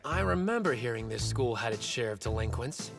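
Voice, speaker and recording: A man's voice: medium pitch, lively intonation, brisk, creaky, over music. A man voicing a short, fiercely determined teenage sumo wrestler in an anime dub, blunt and confident. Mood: steady.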